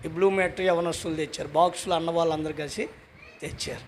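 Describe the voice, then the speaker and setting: A man with a Telugu accent preaching a sermon as pastor, often shouting out to the congregation. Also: fairly high pitch, fairly even intonation, quick pace, a little hiss or hum.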